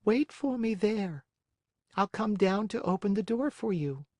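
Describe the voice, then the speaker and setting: A man doing a high, calm lady snail. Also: no echo, studio quality. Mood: calm, unhurried. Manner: calm, peaceful, unhurried. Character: calm, slow old female snail.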